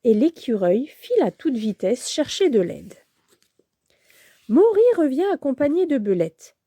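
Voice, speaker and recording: A woman narrating a children's storybook in a slow, gentle, expressive way. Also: high-pitched, husky, dry recording, clean studio sound.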